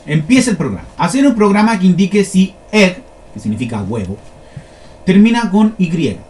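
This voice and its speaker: A man's voice: sits high, sing-song, normal speed, a little mellow. A man teaching a lesson, explaining step by step and often checking that his listeners follow. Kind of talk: classroom lesson on flowcharts.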